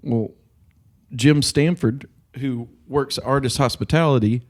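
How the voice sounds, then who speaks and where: A man's voice: medium pitch, measured pace, a little mellow. A man co-hosting a podcast, telling a story in casual chat with an intense, earnest manner and acting out the people he quotes. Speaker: podcast co-host.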